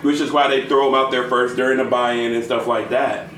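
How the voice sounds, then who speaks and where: A man's voice: medium pitch, level tone, a little fast, fairly bright tone. A middle-aged man from the Chicago area co-hosting a casual podcast chat, ranting and swearing, laughing often. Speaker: podcast co-host. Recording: echoey room, mic a bit far, faint noise.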